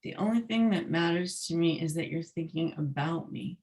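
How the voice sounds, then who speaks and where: A woman reading the letter of a young girl to her parents from a children's book, gently. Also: lowish voice, moderate pace, natural voice. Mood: soft. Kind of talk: read-aloud children's book.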